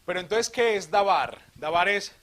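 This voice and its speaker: A man from Colombia, a priest, giving an animated theology talk to a live audience, asking questions and joking. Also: sits high, moderate pace. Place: retreat hall.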